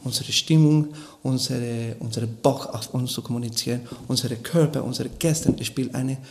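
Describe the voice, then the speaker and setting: Man, Spanish speaker, gravelly voice, halting radio interview guest. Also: mid-range voice, steady tone, darkish tone. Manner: hesitant, searching for words with restarts. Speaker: guest, Spanish course teacher.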